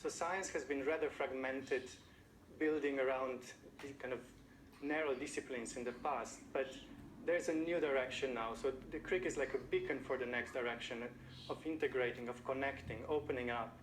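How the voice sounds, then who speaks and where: A man with a Slovenian accent answering interview questions as a scientist, in thoughtful, halting phrases. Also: mid-range voice, steady tone. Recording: echoey space with ambient noise.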